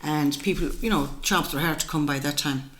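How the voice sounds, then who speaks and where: A woman's voice: low-pitched, a little fast, fairly bright tone. A woman in her sixties with a west of Ireland accent, reminiscing in casual conversation as an interview guest, in a colloquial, emphatic storytelling way. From west of Ireland (County Mayo). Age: 60s. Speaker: interview guest, traditional musician. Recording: echoey room, clear background noise.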